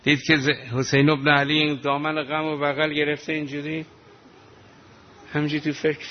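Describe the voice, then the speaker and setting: A man's voice: a little high, completely flat delivery, muffled recording, slight background noise. A man preaching an impassioned mourning sermon, his voice breaking into weeping and wailing.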